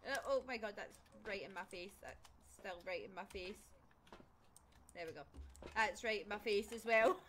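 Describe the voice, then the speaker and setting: A woman's voice: mid-range voice, moderate pace, pauses often, background noise. A woman streaming a ghost-hunting game, chatting casually and shrieking and laughing when startled. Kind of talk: casual gaming chat.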